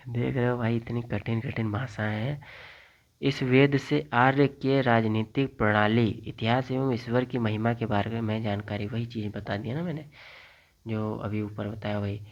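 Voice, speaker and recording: A man teaching a casual exam-prep lesson, reading textbook lines aloud and then explaining them in plain, chatty terms. He repeats key lists over and over and fires quick questions at viewers before answering them himself. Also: mid-range voice. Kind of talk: casual classroom lecture. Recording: slightly dull lo-fi audio.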